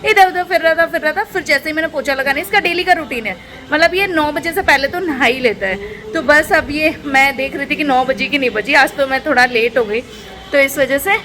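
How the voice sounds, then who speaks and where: A woman's voice: high voice, a little fast, sharp tone. A young woman chatting casually in a home vlog, talking to her viewers about her day. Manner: chatty, switching to sing-song baby talk with her toddler. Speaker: vlogger. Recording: noisy home recording.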